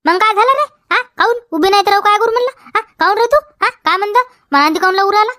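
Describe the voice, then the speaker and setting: In a comedy sketch, a woman with a Vidarbha Marathi accent plays a defiant, quarrelsome village wife who argues back, repeats her questions and tags them with "हा?". Her voice is very high, fast, bright and forceful, recorded cleanly in a studio with no echo.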